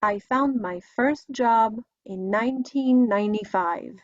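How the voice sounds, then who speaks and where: In this scripted video lesson built on listen-and-repeat drills, a middle-aged woman from Poland speaks English with a Polish accent, pronouncing each word with instructional care. She sounds a little high and unhurried. The lo-fi audio is dry and slightly dull, with no room sound.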